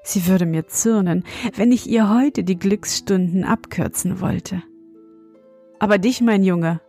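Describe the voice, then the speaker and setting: A woman voicing a gentle, motherly queen of sleep in a storybook, speaking softly and calmly. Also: mid-range voice, measured pace, vocal fry, faint music behind. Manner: soft, calm and warm scolding.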